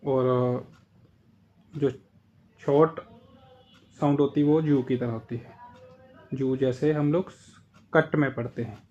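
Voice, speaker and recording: A man's voice: mid-range voice, fairly even intonation, takes it slowly, long pauses, darkish tone, highs cut off. A man with an Indian accent teaching a casual lesson, patiently explaining and repeating the example words. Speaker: German language teacher.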